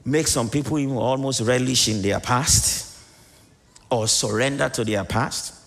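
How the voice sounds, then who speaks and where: A male preacher delivering a sermon, swinging between low asides and sudden emphatic rises, peppering it with rhetorical questions to the congregation. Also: measured pace, creaky, a bit bright. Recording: long hall reverb.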